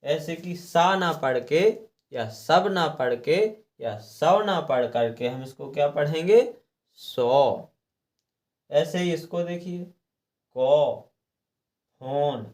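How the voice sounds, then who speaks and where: A man's voice: a little high, unhurried. A man teaching a lesson on English reading rules, patiently repeating each rule and spelling letters out one by one. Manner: clears throat now and then. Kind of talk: slow explanatory lesson.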